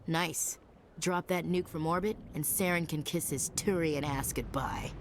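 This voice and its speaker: A woman's voice: deep voice, measured pace, noisy background. An actress voicing a sarcastic, blunt female gunnery chief in a video game. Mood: brash. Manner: sarcastic and brash.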